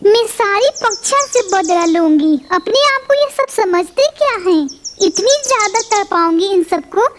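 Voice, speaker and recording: A woman voicing a quarrelsome, hot-tempered female parrot in a cartoon, shrill and snapping. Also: slight background noise. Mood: vengeful. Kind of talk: cartoon voice acting.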